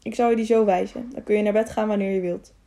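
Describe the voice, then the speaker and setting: A woman's voice: mid-range voice, fairly even intonation, fast, warm tone, lightly acted. A woman reading the part of an obliging male innkeeper.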